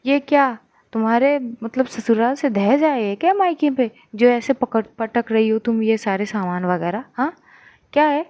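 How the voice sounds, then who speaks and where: Woman putting on a shrill scolding aunt. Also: animated, moderate pace, no room sound, lightly acted. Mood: taunting. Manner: taunting, scolding, loud. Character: sharp-tongued meddling middle-aged aunt.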